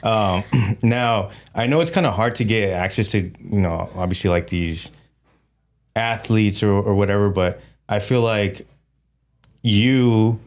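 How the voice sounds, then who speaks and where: A man hosting a casual podcast interview, talking in a relaxed, rambling way with many fillers. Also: lowish voice, a little slow. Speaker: podcast host.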